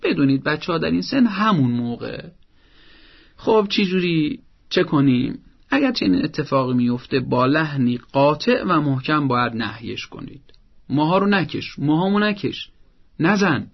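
Gravelly-voiced man giving firm parenting advice. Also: mid-range voice, highs cut off. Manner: firm, didactic, explains step by step. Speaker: parenting advisor. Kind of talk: advice talk on a broadcast program.

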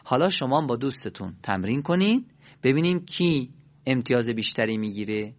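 A man teaching Arabic letter pronunciation and prayer phrases, with quick explanations and slow drawn-out demonstrations for learners to repeat. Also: medium pitch, sing-song. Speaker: Quran recitation teacher. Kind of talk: pronunciation lesson with call-and-response drills. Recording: dull lo-fi recording.

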